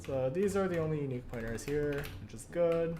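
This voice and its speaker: Hoarse young streamer thinking aloud. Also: mid-range voice, expressive, fairly quick, background noise. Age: young adult. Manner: thinks aloud, self-correcting, many fillers. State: hoarse, croaky. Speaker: streamer studying compilers. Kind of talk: casual live-coding narration.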